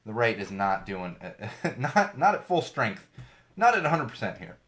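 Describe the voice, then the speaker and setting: A man chats casually on his own solo podcast, ranting sarcastically and swearing about tech and social media, his voice a little off because of an ear infection. He speaks a little slowly, at medium pitch with big pitch swings and a slightly bright tone.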